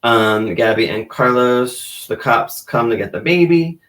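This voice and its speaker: A man's voice: mid-range voice, lively intonation, unhurried, fairly bright tone. A man co-hosting a podcast in laid-back casual chat, recapping TV plots. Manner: laid-back, short agreeing replies, laughs often. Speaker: podcast co-host. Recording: distant from the mic.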